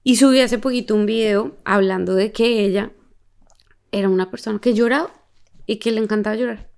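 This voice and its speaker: Gravelly woman telling stories. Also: medium pitch, fairly quick. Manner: animated, laughs often, acts out quoted people. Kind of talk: casual storytelling chat.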